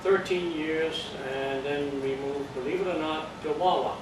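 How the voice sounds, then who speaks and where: An older Dutch-accented man from the Netherlands, with a slightly high voice and an unhurried pace, teaches an amateur radio course. He lectures the class plainly and patiently, going step by step, adding jokes and checking in with students. He's recorded from far off in a noisy, echoey room.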